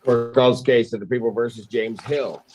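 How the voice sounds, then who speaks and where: A man's voice: mid-range voice, steady tone, normal speed, a little mellow, soft background music. A man speaking as a judge in a courtroom recording, formally calling and adjourning cases. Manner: formal, procedural. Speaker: judge presiding over court. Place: remote court hearing. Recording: courtroom recording with clear background noise.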